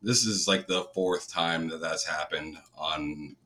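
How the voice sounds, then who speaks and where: A man's voice: extremely low pitch, fairly even intonation, takes it slowly. A man co-hosting a casual podcast whose voice echoes back, picked up by a computer mic instead of his own. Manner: exasperated with his audio software. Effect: echoey voice, phrases ringing back. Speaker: podcast co-host. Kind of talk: casual chat. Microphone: computer's built-in mic instead of headset mic.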